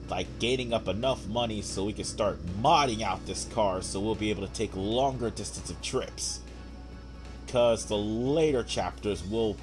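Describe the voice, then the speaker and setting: Game music runs in the background while a young gameplay commentator, voice lowish and hoarse from a cold, rambles through a casual let's play. He's relaxed, using lots of fillers and clearing his throat often.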